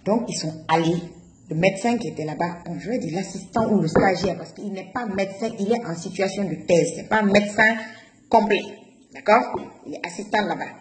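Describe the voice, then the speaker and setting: A woman's voice: medium pitch, brisk, a crowd in the background. A woman from Guinea, giving an emotional personal testimony and stumbling and repeating herself as she tells her story. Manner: emotional, repeats "je dis" and stumbles over words. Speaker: interviewee recounting her own childbirth. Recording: roomy echo with faint noise.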